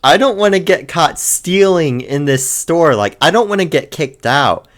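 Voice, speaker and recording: A man's voice: on the high side, lively intonation, a little slow. A man doing an anxious rule-following teen boy.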